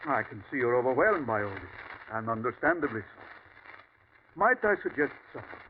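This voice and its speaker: In a 1940s radio drama, a male actor with a mid-range voice and moderate pace plays the villain, a calm, superior Martian invader posing as a ranch host. His lightly acted delivery is suave and courteous yet coldly condescending, carrying smooth menace. The broadcast sounds tinny, with a faint hiss.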